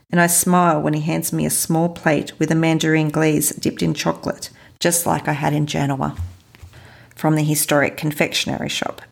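Low, gravelly woman storyteller. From Australia. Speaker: travel podcast host. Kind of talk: first-person travel storytelling.

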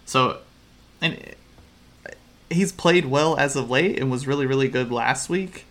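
Bright-voiced man talking golf odds. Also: medium pitch, unhurried. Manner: rambling, restarts often, analytical. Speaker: podcast co-host. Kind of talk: casual sports betting chat.

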